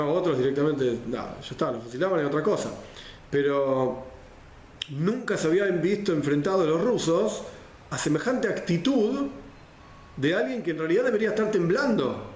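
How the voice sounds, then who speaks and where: A man's voice: a little high, animated, moderate pace, a little mellow. Rioplatense man teaching a Torah class. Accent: Rioplatense Spanish. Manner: explanatory, repeats phrases, mixes in Hebrew and Yiddish terms. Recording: roomy echo, faint background noise.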